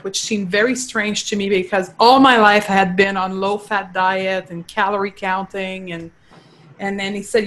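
A woman with a Quebec French accent speaks as an interview guest, a native French speaker. She explains things earnestly and restarts her sentences often. She talks at an ordinary middle pitch. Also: a bit bright, rough recording. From Quebec, Canada. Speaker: guest, clinical nutritionist. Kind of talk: casual interview talk.

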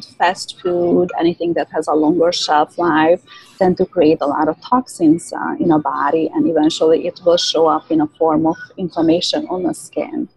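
A woman's voice: on the low side, creaky, darkish tone, slight background noise, rough recording. A woman in her thirties with a Hungarian accent, a native Hungarian speaker, explaining earnestly and at length as a guest in a podcast interview, with frequent fillers. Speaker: guest, licensed esthetician.

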